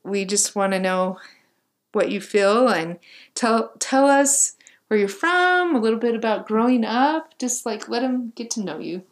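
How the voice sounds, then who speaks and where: A woman hosts a faith podcast, her voice on the high side, expressive and a little slow. She talks casually and warmly, gushing praise for her guest and filling her speech with fillers, especially lots of "like."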